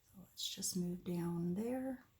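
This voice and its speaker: Woman, slightly low pitch, casual craft tutorial host, unhurried, step-by-step narration while working. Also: warm tone. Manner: unhurried, talking through each step. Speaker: host of an acrylic pour painting tutorial. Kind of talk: casual craft demonstration, narrating as they work.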